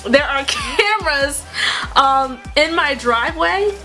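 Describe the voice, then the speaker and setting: A young woman chatting casually, telling a storytime tale with quick asides and frequent laughs. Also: high-pitched, lively intonation, over music. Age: young adult. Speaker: YouTuber.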